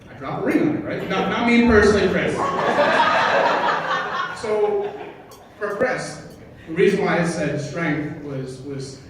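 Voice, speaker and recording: A man giving an informal, humorous best man speech at a wedding, joking along in a halting way and often correcting himself. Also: on the high side, animated. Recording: distant, very echoey, noisy room recording.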